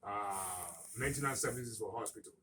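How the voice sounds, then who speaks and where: A man in his sixties, a guest author in a radio studio interview, talking in an unhurried, hesitant way with many fillers. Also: lowish voice, fairly bright tone, recorded from a distance, slight background noise, low-quality recording. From Nigeria. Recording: voice a little off-mic.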